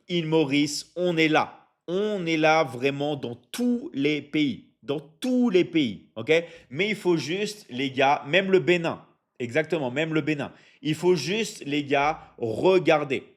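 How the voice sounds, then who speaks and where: On a live stream, a French coach from an online academy pitches to viewers and reads their chat. His voice is fairly high, and he comes across as energetic and repetitive, full of fillers and constant "ok? d'accord?" check-ins.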